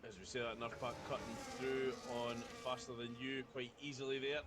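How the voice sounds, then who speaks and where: A man co-commentates a live online race over a headset. His voice is mid-pitched and easygoing, and he trades relaxed jokes with the lead caller. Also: a little fast, a crowd in the background. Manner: relaxed, joking banter. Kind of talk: live sim racing commentary.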